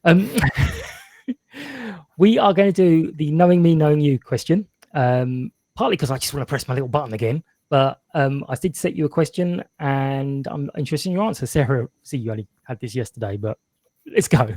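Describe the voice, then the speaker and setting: A man's voice: fairly high pitch, lively intonation, moderate pace, darkish tone, no room sound. A man hosting a podcast in a casual chat, chatty and self-mocking, laughing often. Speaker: podcast host.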